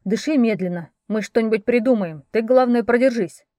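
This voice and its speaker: A woman reading an audiobook, voicing a young prince who speaks firmly and calmingly, giving instructions. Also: on the high side, moderate pace, no echo, clean studio sound, natural voice. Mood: firm calm. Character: young prince, steady, calm and commanding.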